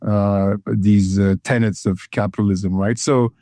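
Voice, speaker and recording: Recorded in a clean, dry studio, an Ethiopian man who founded a consulting firm answers interview questions conversationally. His lowish voice is warm and steady at a measured pace, yet he hesitates, uses plenty of fillers and repeats words.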